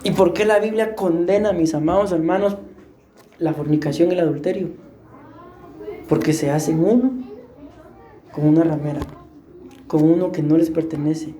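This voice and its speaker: A woman's voice: fairly low pitch, moderate pace, long pauses. Woman preaching in an echoey church. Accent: Costa Rican. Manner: animated, humorous, addressing the congregation. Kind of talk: sermon. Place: church hall.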